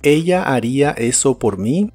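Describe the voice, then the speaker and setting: Man teaching English pronunciation slowly. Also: medium pitch, lively intonation, darkish tone, faint music behind. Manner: slow, careful model pronunciation of English words. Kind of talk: scripted pronunciation lesson.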